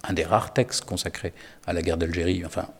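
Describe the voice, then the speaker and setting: A man's voice: sits low, fairly even intonation, a little fast, big-room sound. A man talking about literature as an editor, hesitant, with many fillers and restarts. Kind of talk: spoken literary discussion.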